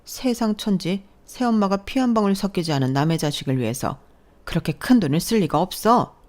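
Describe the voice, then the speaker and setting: A woman's voice: mid-range voice, animated, brisk, darkish tone, pitched above the performer's own voice, natural voice. A woman voicing a haughty, spiteful older mother-in-law in a storybook drama. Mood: scoffing. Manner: scoffing, disbelieving.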